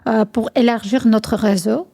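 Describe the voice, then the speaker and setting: A woman's voice: on the high side, steady tone, unhurried, vocal fry, mellow, no echo, studio quality. A woman answering interview questions briefly, listing reasons and places. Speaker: youth program participant.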